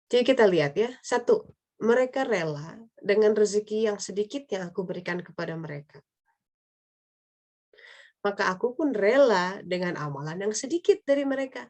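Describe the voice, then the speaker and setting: A woman's voice: mid-range voice, a little mellow. A woman leading an online religious study talk in a conversational way, slipping in English phrases.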